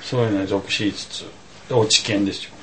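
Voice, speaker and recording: A man's voice: lowish voice, steady tone, brisk, bright, forceful tone, a little hiss or hum, low-quality recording. A man telling a rambling anecdote in casual chat, full of asides and comic emphasis. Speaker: storyteller.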